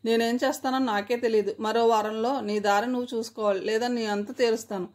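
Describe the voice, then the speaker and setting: A woman's voice: on the high side, fairly even intonation, fairly quick, lightly acted. A woman voicing a furious young man who snaps harsh words in a read-aloud story. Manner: shouting insults, harsh.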